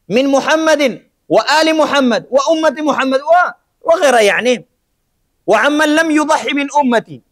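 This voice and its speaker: A man teaching a lesson on Islamic jurisprudence, who poses rhetorical questions, answers them himself, and keeps checking that his students have understood. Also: extremely high pitch. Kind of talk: classroom lecture on Islamic jurisprudence.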